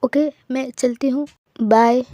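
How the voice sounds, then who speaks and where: A woman's voice: sits high, fairly even intonation, slow pace, mellow, dry recording. Arohi, a polite witty young doctor, read by a woman. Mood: friendly.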